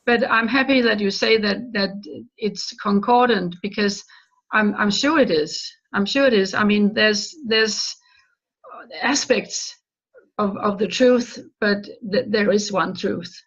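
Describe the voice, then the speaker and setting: A Danish guest author, whose first language is Danish, gives remote interview answers in a gravelly, medium-pitched voice. She's earnest but halting, often restarting, and the call audio is dull and lo-fi.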